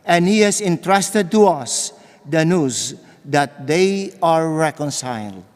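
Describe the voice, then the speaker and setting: A man's voice: fairly high pitch, lively intonation. A man reading scripture aloud as lector at Mass, formal and solemn, in a large echoing church. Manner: measured, formal. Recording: echoing church with long reverb.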